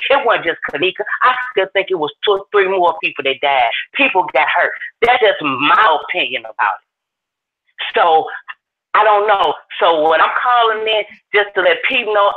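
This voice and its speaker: A woman calling in to a chat show, talking casually and giving her opinions at length. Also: fairly low pitch. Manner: talkative, opinionated, drawling. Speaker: caller. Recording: tinny phone line.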